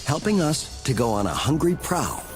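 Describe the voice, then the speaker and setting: A male narrator delivers scripted nature documentary storytelling in a dramatic way. His intonation swings expressively, and music plays clearly beneath his voice. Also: a little high, big pitch swings, moderate pace. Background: music under the voice.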